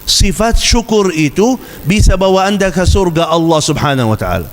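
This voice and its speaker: A man with a high, expressive voice preaches a sermon at a normal pace, telling stories dramatically and acting out cries and other voices. The recording has a long hall reverb.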